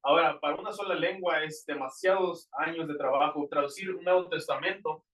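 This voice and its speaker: A man speaking a little high for his sex, talking earnestly to a congregation. His voice sits well back from the microphone and rings around a roomy church hall. He explains patiently, circling back and restarting his phrases. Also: brisk, fairly bright tone, distant mic. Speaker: visiting Bible translator. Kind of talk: church Q&A talk. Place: church sanctuary.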